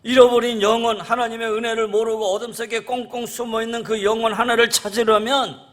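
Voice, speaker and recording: A man's voice: high voice, fairly bright tone. A male pastor preaching a sermon to his congregation, earnest and repetitive, often calling out to the listeners and reading scripture aloud. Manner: earnest preaching, repeats "라는 거예요" endings; addresses the congregation as "여러분".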